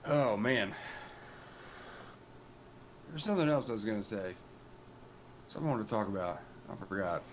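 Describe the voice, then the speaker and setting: A man's voice: on the low side, expressive, normal speed, pauses often, a little hiss or hum. A young man with an Appalachian accent, co-hosting a podcast in casual chat, joking and rambling and swearing freely. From rural Appalachia. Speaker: podcast co-host.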